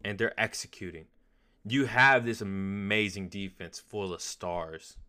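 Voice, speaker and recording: A man talks football on a casual podcast in a lowish, bright, forward voice. He rambles and trips over his phrases, doubling back often. His delivery stays loose and conversational. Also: measured pace, clean tone. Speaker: podcast co-host. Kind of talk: casual sports podcast chat.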